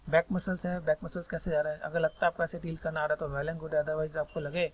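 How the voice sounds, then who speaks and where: A man with a Hindi accent giving a rambling, repetitive screen-recorded software tutorial on 3D sculpting. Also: fairly high pitch, little pitch movement, brisk. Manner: rambling, repeats filler phrases constantly.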